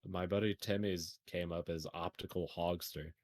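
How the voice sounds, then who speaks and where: A man's voice: deep voice, fairly even intonation, moderate pace, a little mellow, no echo. A man co-hosting a podcast, joking and laughing often in casual banter about video games. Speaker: podcast co-host.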